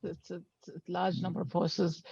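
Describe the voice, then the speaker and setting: A woman's voice: lowish voice, flat delivery, normal speed, gravelly, warm tone, slightly rough, no room sound, muffled recording. A woman interviewing a guest, asking questions and giving encouraging short affirmations.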